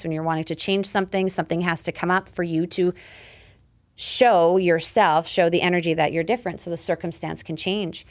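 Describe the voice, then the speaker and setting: Emphatic, animated woman in her forties. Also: on the low side. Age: 40s. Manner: emphatic and animated, swears freely. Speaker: podcast guest, lifestyle coach. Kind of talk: casual conversational interview.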